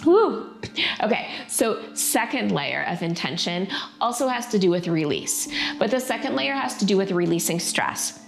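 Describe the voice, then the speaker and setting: A woman with a medium-pitched voice leads a prenatal yoga class over music. She instructs casually, with an encouraging, playful and informal way of talking. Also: animated, moderate pace, creaky.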